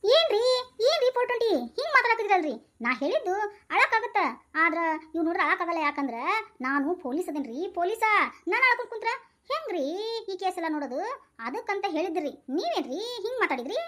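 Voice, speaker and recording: Comic skit: woman doing a bossy, teasing male cop, North Karnataka accent, very high voice. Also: sing-song, fast talker, a bit bright, full character voice. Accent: North Karnataka Kannada. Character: bossy male police inspector, scolding.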